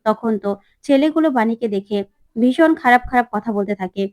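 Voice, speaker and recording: A woman's voice: fairly high pitch, animated, fairly quick, a little mellow, dry recording. A woman retelling a TV serial episode as a story, reading every character's lines herself. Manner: reads all characters' lines herself, voices slightly shifted. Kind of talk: storytelling recap with acted dialogue.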